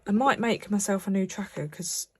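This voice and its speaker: Over slight background noise, a budgeting vlogger talks to camera at a moderate pace in a mid-range voice. She's a young British woman with a stuffy cold, chatting about her budget while stuffing cash envelopes. Her delivery is chatty and wandering, full of fillers and false starts.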